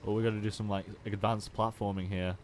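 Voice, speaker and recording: A man's voice: on the low side, flat delivery, fast, noisy background. A man with a Stoke-on-Trent English accent chatting casually and in a rambling, easily amused way as he streams a video game. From Stoke-on-Trent, England. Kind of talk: casual gaming stream chat.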